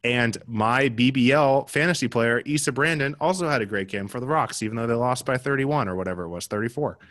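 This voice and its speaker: In a clean studio with no room sound, a young American podcast co-host talks basketball results in a mid-range, fairly bright voice, moving a little fast. His casual chat is full of fillers and restarts.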